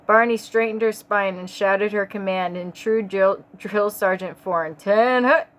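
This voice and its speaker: A woman's voice: mid-range voice, fairly even intonation, measured pace, fairly bright tone. Stumbling, sick woman reading a story aloud. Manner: rambling asides, stumbling over words, swearing. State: sick and stoned. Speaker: audiobook reader. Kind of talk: casual amateur audiobook narration.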